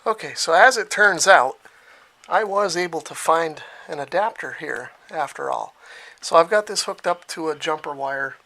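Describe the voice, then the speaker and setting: A radio hobbyist in his home cellar gives a casual, unscripted, hands-on gadget demo, thinking aloud as he goes. His voice is a little high and sharp-toned, with lively intonation and a moderate pace, in a noisy home recording with clicks.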